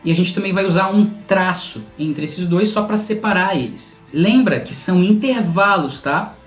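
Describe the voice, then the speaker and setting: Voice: mid-range voice, moderate pace. A music teacher with a Brazilian Portuguese accent, methodically explaining music theory straight to the viewer. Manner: patient, methodical, speaks directly to the viewer. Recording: roomy sound with a faint instrumental drone.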